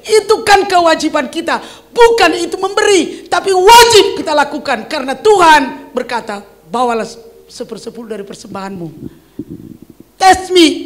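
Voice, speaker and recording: An older woman pastor preaches in a lively, storytelling way. She breaks out in sudden loud exclamations to make her points. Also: high voice. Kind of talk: sermon.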